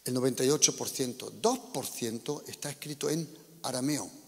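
A man's voice: medium pitch, normal speed, creaky, darkish tone. A pastor with a Spanish accent from Spain, preaching a sermon to his congregation, often checking in with them with questions. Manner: preaching with rising emphasis and repeated questions to the congregation. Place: church hall. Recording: church hall reverb.

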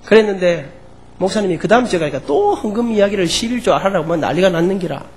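Fast, high-voiced man with a Gyeongsang accent. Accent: Gyeongsang Korean. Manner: animated storyteller who acts out the people in his story. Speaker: church elder giving testimony. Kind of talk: sermon testimony storytelling.

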